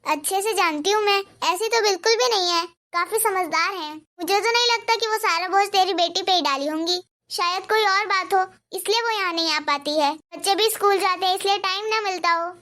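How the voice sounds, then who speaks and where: A woman voicing a calm, wise, firm older mother-in-law in a cartoon, speaking in a steady, advising tone. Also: very high voice, brisk, few pauses. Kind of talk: cartoon dubbing.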